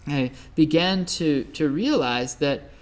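Midwestern man giving a relaxed dharma talk. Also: a little high, takes it slowly. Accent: Midwestern American. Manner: relaxed, conversational storytelling with many fillers. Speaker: Buddhist teacher.

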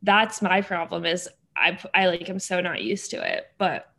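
A young woman co-hosts a personal finance podcast, chatting casually, using "like" a lot and laughing easily. Her lowish voice is sing-song, creaky and a bit bright, at a normal speed.

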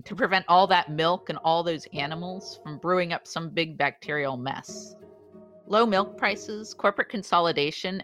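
A woman's voice: low-pitched, fairly bright tone. A woman reporting in scripted podcast narration. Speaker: podcast reporter, campaigns manager.

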